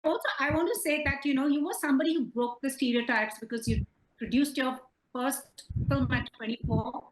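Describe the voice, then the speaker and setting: In a reverberant room, a woman with an Indian English accent conducts a conversational interview. Her voice sits fairly high. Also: brisk. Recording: echoey room.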